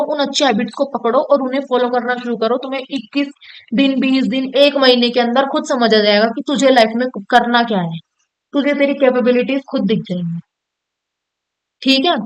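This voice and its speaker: A woman's voice: sits high, clear, resonant tone, low-quality recording. A young woman, a student, giving casual motivational career advice straight to her viewers, direct and coaxing, often checking they follow. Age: young adult. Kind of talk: casual motivational talk to camera.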